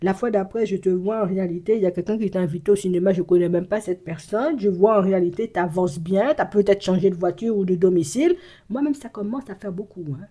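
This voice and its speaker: A woman with a warm, mellow voice gives a spoken intuitive reading straight to the viewer, as a psychic reader would. Her delivery is loose and rambling, full of stammered restarts and repeated filler phrases. She drifts into speaking in the first person as someone else. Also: medium pitch, fast. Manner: slips into first-person speech for the absent person.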